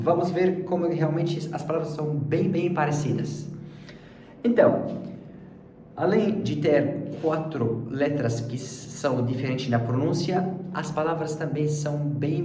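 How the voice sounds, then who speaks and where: A man teaching a language lesson as a French teacher, speaking slowly and deliberately and repeating words for the learner. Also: a little high, mellow. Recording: echoey room, distant mic, faint background noise.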